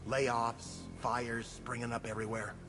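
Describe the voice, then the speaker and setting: A male actor plays a weary, devoted firefighter in a video game. His voice sits at a middle pitch, with music clearly behind it. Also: flat delivery, unhurried, natural voice, poor audio. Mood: weary, relieved.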